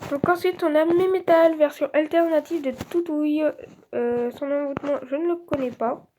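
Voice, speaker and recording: A woman's voice: sits high, steady tone, normal speed, dark tone, a little hiss or hum. A woman giving casual let's-play commentary, chatty and thinking aloud with lots of filler words.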